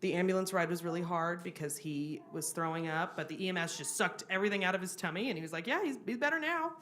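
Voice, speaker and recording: A woman's voice: lowish voice, steady tone, fast talker, a bit bright. A mother recounting a frightening emergency at a council meeting, tearful and rambling, breaking off mid-word. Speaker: mother of the child. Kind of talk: emotional personal account.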